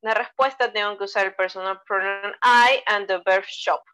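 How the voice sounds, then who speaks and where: A woman from Peru with a Peruvian Spanish accent teaches English online in a bilingual lesson, explaining grammar step by step and praising her students. Her medium-pitched voice is steady, sharp and smooth at a moderate pace. The recording is rough.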